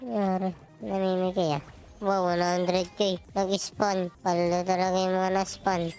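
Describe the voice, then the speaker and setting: A gamer chatting casually to followers while playing, with the voice run through a pitch-shifting voice changer. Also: flat delivery, measured pace, darkish tone, faint music behind, poor audio. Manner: chatty, keeps calling viewers "pre". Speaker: Roblox gamer addressing followers. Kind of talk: casual gameplay commentary.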